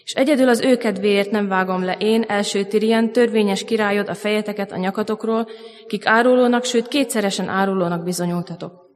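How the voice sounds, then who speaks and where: A woman's voice: medium pitch, fairly even intonation, natural voice. A woman reading the lines of a proud, stern young king in a storybook passage. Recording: long church reverb.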